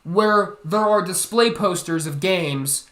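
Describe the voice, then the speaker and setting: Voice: mid-range voice, slow pace, fairly bright tone. A host telling a comedic rant story in a profane, sarcastic way. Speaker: commentary channel host. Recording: roomy echo.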